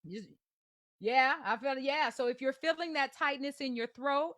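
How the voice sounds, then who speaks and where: A woman's voice: high-pitched, moderate pace, fairly bright tone, no echo. Woman vocal coach, dry close sound. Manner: encouraging, explains exercises conversationally; demonstrates by singing scales. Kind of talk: live online singing masterclass.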